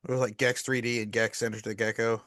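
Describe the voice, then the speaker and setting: A man's voice: mid-range voice, fast talker, dry recording, studio quality. A man in his thirties co-hosting a casual gaming podcast, talking animatedly, swearing and laughing. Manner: animated, swearing, laughing, gets carried away. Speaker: podcast co-host. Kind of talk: casual chat.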